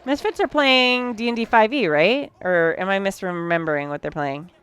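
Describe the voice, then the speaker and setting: A woman's voice: medium pitch, moderate pace, a bit bright, clear, resonant tone, no echo. A woman streaming live from her sewing room late at night, tired, chatting casually with her viewers as she sews. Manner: chatty, talks to chat while working.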